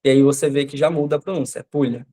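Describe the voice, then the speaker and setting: A man teaching French in an online class. His first language is Portuguese. He explains patiently, repeats example sentences slowly and keeps asking "né?" and "tá?" to check that students follow. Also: fairly high pitch, steady tone, dark tone. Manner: explains patiently, often adds "né?" and "tá?".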